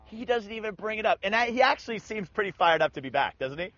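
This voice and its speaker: Male Bible teacher, casual and animated, high voice, muffled lo-fi recording. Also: quick pace. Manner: animated, acts out scripture in slangy voices. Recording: dull lo-fi sound.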